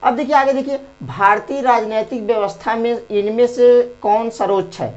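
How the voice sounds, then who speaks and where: A woman with a fairly high voice leads an exam-prep class, going through questions point by point. She repeats key facts again and again and calls her viewers friends. The recording sounds muffled and lo-fi. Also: steady tone, normal speed, a little mellow. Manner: repetitive, drills points, often addresses viewers as friends. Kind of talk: online lecture explaining quiz questions. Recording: dull lo-fi recording.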